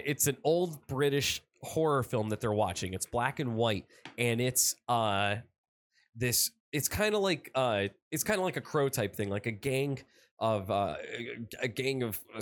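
A man chatting loosely on a podcast, piling up "like" and "uh" as he recaps a story. His delivery is excitable and wandering, at an ordinary pitch for a man. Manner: rambling, excited recapping with lots of fillers. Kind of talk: casual chat.

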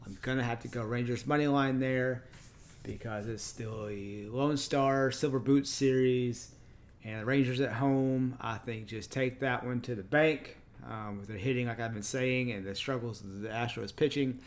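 A man's voice: mid-range voice, steady tone, normal speed. Chatty Texan man hosting a podcast. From Texas. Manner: casual and chatty, self-correcting. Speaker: podcast host. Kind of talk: solo podcast chat.

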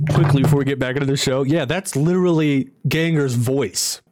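A man running a livestreamed tabletop game as game master, with excitable, profanity-laced banter. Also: medium pitch, fairly quick, a little hiss or hum. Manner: excitable, swearing, laughing banter.

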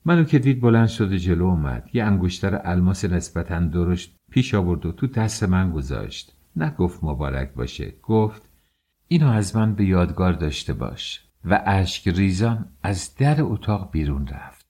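A man reads a novel aloud in a calm, measured way. His voice sits very low, with a dark, mellow tone. The reading stays steady and unhurried. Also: slightly rough. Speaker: audiobook narrator. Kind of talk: scripted audiobook narration.

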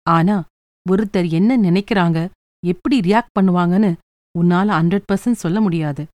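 A woman voicing a gentle, patient mother who gives calm, kindly advice in a storybook reading. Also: on the low side, moderate pace, no echo, close to an everyday voice. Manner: soft, reasoning, kindly.

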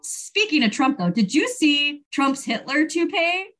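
Higher-pitched American woman co-hosting a podcast. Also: animated, a little slow, fairly bright tone, faint music behind. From United States. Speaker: podcast co-host. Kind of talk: casual podcast talk with read-out quotes.

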